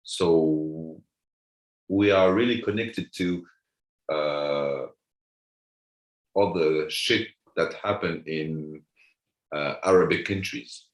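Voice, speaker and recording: Speaking with an extremely low pitch, extremely slowly and with long pauses, a French man chats casually as a guest comedian. He frequently repeats words while hunting for the right one, and the room gives off an echo.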